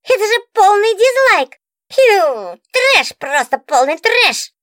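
A spoiled, whiny talking book. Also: female voice, very high voice, very animated, slow, fairly bright tone, no room sound, clean studio sound, pitched above the performer's own voice, heavily acted. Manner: whiny, affected, pouty. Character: spoiled capricious talking book, female diva. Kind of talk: audiobook character voice.

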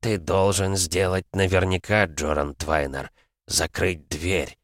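A man voicing a strange birdlike female wind creature who speaks in slow, broken, halting phrases. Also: deep voice, steady tone. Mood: cryptic.

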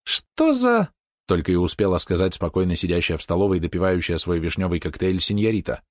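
Low-voiced male audiobook narrator. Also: level tone, fast talker, a little mellow, dry recording, studio quality.

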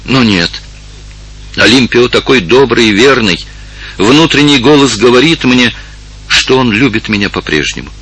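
A man's voice: medium pitch, animated, normal speed, husky, voice pushed up. A man voicing a kind and earnest young woman, a village elder's daughter, in an audiobook. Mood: earnest, concerned. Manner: warm, earnest, emotional.

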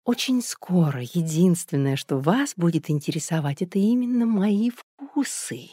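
A woman reading an audiobook, voicing a calm, sly young mother who answers with quiet mockery. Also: mid-range voice, unhurried, no echo, studio quality, pitched above the performer's own voice, close to an everyday voice. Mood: cool mocking. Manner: cool, quietly mocking.

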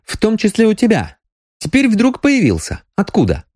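An anxious young woman doctor presses hard for the truth, voiced by a male audiobook reader. She sits well above his usual pitch, with a lively, swinging melody. The recording is dry and close. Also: normal speed, no echo. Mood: accusing. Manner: pleading, pressing. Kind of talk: audiobook character voicing.

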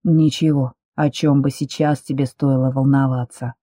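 A man's voice: mid-range voice, flat delivery, unhurried, dark tone, no room sound, studio quality, close to an everyday voice. A woman reading an audiobook, voicing a tense, commanding man who is the heroine's beloved, speaking curtly. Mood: evasive. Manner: curt, commanding.

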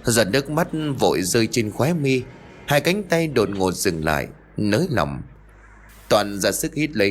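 Low-voiced man telling a ghost story. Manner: suspenseful, expressive. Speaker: narrator. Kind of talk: dramatic ghost story narration.

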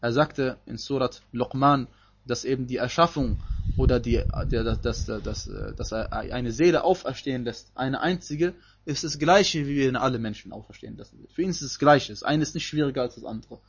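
Male Quran teacher, husky tone, emphatic explainer, dull lo-fi audio. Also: medium pitch, normal speed. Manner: explanatory, emphatic, recites Arabic verses. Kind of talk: Quran commentary lesson.

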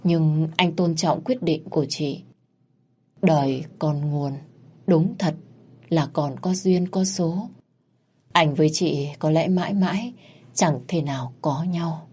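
A woman's voice: sits low, slow pace, warm tone, husky, exaggerated voice. Woman voicing a sad, resigned man. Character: sad man quietly giving up on love.

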